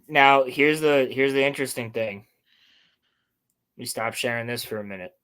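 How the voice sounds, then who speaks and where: A man's voice: mid-range voice, normal speed, fairly bright tone, clear, resonant tone. A man hosting a casual chat, presenting topics and reading articles aloud to his co-host.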